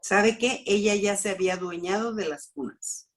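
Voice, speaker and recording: A middle-aged woman gives a personal testimony at a church family class, telling her story with lively expression and acting out what people said. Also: mid-range voice, normal speed. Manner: animated storytelling, acts out dialogue. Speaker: speaker at a church family school.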